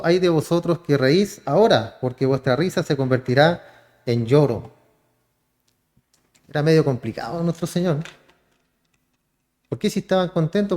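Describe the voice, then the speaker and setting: Chilean pastor guy preaching, kinda high voice, keeps asking the church questions. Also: a little mellow. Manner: calls the congregation brother, asks rhetorical questions. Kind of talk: sermon.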